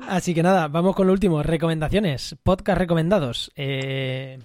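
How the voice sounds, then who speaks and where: A man's voice: a little high, moderate pace, darkish tone, no room sound. Chatty man co-hosting a podcast. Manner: chatty, repeats words, many fillers. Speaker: podcast co-host. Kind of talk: casual podcast chat.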